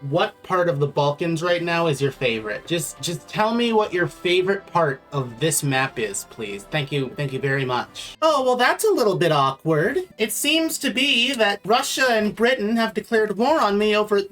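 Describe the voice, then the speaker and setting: An excitable gaming creator narrates a strategy campaign, swinging between gleeful laughter and exasperated swearing. The voice sits at a middle pitch, with faint music playing softly underneath. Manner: excitable, quick swings from glee to frustration, swears often; laughs through the commentary. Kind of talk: strategy game commentary. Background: faint background music.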